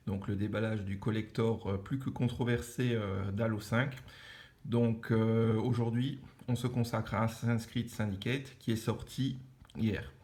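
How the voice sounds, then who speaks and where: A young man with an Alsatian French accent hosts a casual unboxing video, his fairly low voice a little mellow. He chats with plenty of fillers and self-corrections, in a room with echo and faint noise.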